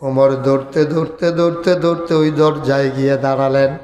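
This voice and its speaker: Bangladeshi preacher telling a story, echoey hall. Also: male voice, little pitch movement, fairly quick, darkish tone. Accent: Bangladeshi Bengali. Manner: dramatic storytelling, breaks into high sung chanting. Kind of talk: Islamic sermon storytelling. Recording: echoey hall with long reverb.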